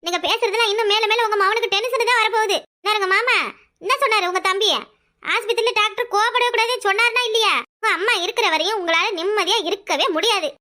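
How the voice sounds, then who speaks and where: Shrill Tirunelveli Tamil woman, high and bright. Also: fast talker. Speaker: voice artist playing several village women. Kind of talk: cartoon character voicing.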